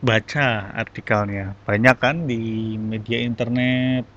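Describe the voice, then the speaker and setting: A man, teaching an online English class and giving feedback in a slow, halting way. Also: medium pitch, fairly even intonation, fairly bright tone, muffled recording. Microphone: online class audio.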